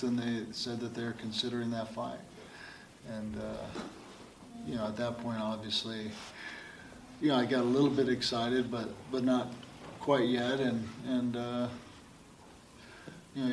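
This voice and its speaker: A male fighter answers questions slowly and haltingly, filling gaps with fillers and repeated words. He sounds far from the mic in a roomy space. Faint background noise sits behind him. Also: medium pitch. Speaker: fighter being interviewed. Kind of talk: casual interview answers. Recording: echoey and distant with faint noise.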